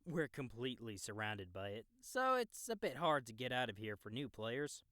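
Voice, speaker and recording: A male narrator performs audiobook character dialogue as a laid-back, seasoned young player who knowingly explains the game world to a beginner. He speaks at normal speed with a medium-pitched, sing-song, sharp tone. The sound is clean studio audio with no room sound.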